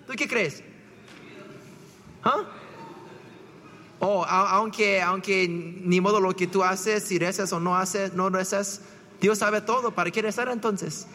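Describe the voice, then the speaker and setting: A man's voice: high voice, slow, pauses often, bright, forceful tone, in a large hall, slight background noise. A man, a priest, preaching a conversational homily full of rhetorical questions and repeated "¿verdad?".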